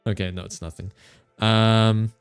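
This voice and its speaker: Over soft background music, a VTuber streamer with a fairly low, smooth voice speaks at a measured pace with flat delivery. He still plays around with his chat, teasing and laughing, and fumbles as he reads game text aloud during the casual livestream.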